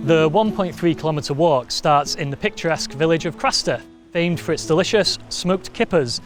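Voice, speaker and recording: A man's voice: fairly high pitch, moderate pace. A man presenting a walk outdoors on a coastal path, upbeat and conversational. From Wales. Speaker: walking presenter. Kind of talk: presenting a travel walk to camera. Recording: faint guitar music behind. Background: soft guitar music.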